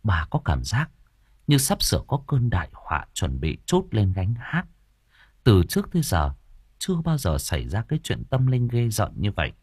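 Husky, animated male storyteller. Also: on the low side, normal speed, no echo, studio quality. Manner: dramatic, animated reading. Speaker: audiobook narrator. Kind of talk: scripted story narration. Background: faint music.

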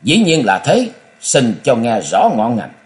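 A man's voice: mid-range voice, huge pitch swings, a little slow. A man doing a stern, proud old martial arts leader. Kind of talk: audiobook character voice.

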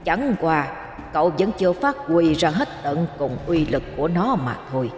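A woman voicing a solemn ancient male spirit that speaks from within a magic bow, slow and grave, with an echo effect. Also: deep voice, animated. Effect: echoing reverb. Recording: echoey long reverb, faint music.

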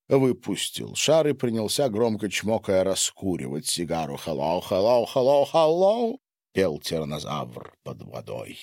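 Low-voiced male audiobook narrator. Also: darkish tone, dry recording, clean studio sound. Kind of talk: scripted narration.

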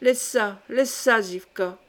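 A woman's voice: on the high side, slow. A woman reading the part of a quarrelsome, boastful village man who talks with scorn and bluster, in an audiobook. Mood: scornful.

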